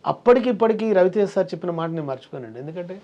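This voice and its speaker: Male comic guest, quick and a little high-pitched, telling anecdotes in character voices. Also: animated, dark tone, dull audio. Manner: tells stories acting out quoted voices. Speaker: interview guest, comedian and mimicry artist. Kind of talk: casual interview talk.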